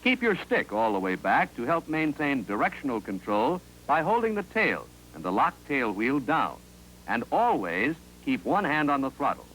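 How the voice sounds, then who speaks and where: An American man reads scripted narration for a 1950s instructional film, sounding clear, authoritative and instructive. His mid-range voice is sing-song and fairly bright at a normal speed. The old film soundtrack has poor audio with a little hiss or hum.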